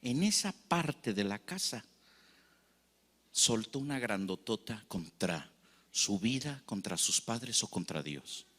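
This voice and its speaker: A man's voice: fairly low pitch, big pitch swings, slow pace, fairly bright tone, big-room sound. A man with a Mexican accent preaching a sermon as pastor, telling stories and acting out the people in them. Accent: Mexican Spanish. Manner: storytelling preacher acting out anecdotes.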